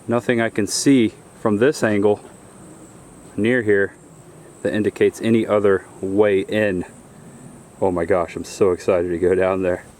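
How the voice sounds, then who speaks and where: A man narrating a casual solo exploring vlog, talking straight to his viewers in short, deliberate phrases. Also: lowish voice, slight background noise. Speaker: solo explorer filming a cave tour for viewers. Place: on a forest trail and in a small cave.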